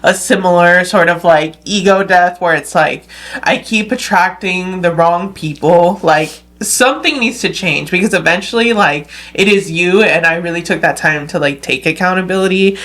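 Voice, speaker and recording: A woman's voice: on the low side, moderate pace, a bit bright. A young adult woman from Los Angeles hosting a podcast interview, reflecting openly and filling her speech with "like.". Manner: reflective, filler-heavy, says like constantly. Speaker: podcast host. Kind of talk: casual interview chat.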